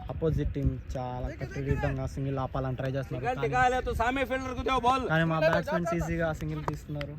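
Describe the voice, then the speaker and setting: A man's voice: fairly high pitch, quick pace. A man with a Telangana Telugu accent giving amateur cricket commentary in Telugu mixed with English cricket terms, in short exclamatory calls. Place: outdoors at a cricket ground. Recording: outdoor match with crowd noise behind. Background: crowd and outdoor sounds.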